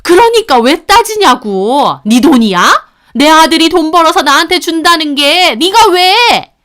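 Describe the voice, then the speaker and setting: A woman's voice: extremely high pitch, sing-song, measured pace, a bit bright, voice pushed up, exaggerated voice. A woman voicing a bossy older mother-in-law who screams and scolds. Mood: screaming scolding.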